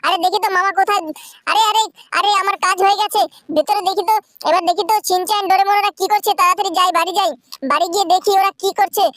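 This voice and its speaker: Man voicing a bustling uncle; rapid, high, dry. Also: steady tone, fairly bright tone, no echo. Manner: quick, scolding. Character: grown uncle, scolding and busy.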